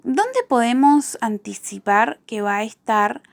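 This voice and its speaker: A woman teacher giving a spelling lesson to children, repeating each example word slowly and carefully. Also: a little high, vocal fry, no room sound.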